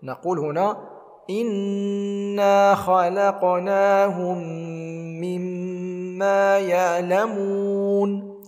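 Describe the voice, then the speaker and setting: A man's voice: fairly high pitch, darkish tone, big-room sound. A man teaching Quran recitation rules, explaining each rule methodically step by step. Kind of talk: tajweed lesson with demonstrations.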